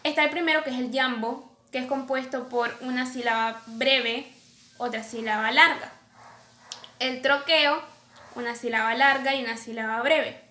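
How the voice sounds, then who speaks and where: A woman's voice: high voice, fairly even intonation, normal speed, bright, forceful tone. A woman teacher explaining a lesson over slides, who asks herself questions and then answers them. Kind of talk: recorded lecture over slides. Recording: echoey room, faint background noise.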